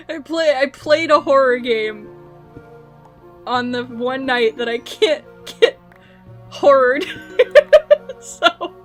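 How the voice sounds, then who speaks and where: Giggly high-voiced young woman gamer. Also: sing-song, very slow, long pauses. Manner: giggly, laughs often, rambling with restarts. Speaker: gaming video creator. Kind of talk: casual chat while playing a game. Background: faint game music.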